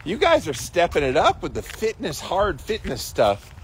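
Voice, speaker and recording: Running a daily ice bath challenge livestream, this host reads and replies to viewer comments, sounding colloquial, emphatic and encouraging. He speaks at normal speed in a high voice whose pitch swoops wildly, and there's slight background noise.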